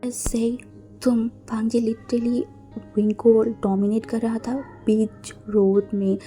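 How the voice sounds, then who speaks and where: A woman's voice: fairly high pitch, little pitch movement, slow pace. A woman with an Indian accent narrating a fan fiction romance, chatty and casual, often slipping into a whisper. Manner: casual, mixes English words into Hindi; drops into whispers for intimate scenes. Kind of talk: storytelling narration with acted dialogue. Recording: soft background music.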